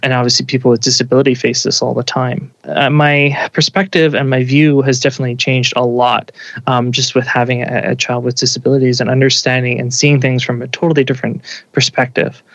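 A man's voice: medium pitch, flat delivery, fairly quick, no echo, lo-fi sound. Earnest father speaking in an interview. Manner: earnest, reflective, with restarts. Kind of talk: conversational interview.

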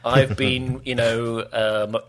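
A man on a podcast, joking dryly with pauses and fillers. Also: medium pitch, little pitch movement, over a noisy crowd. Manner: dry, jokey, hesitant. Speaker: podcast co-host. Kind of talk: casual chat.

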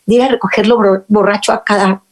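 A woman's voice: mid-range voice, fairly even intonation, fast, lightly acted. A woman voicing a resentful young adult son who talks back to his father. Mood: defiant. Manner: defiant, accusing.

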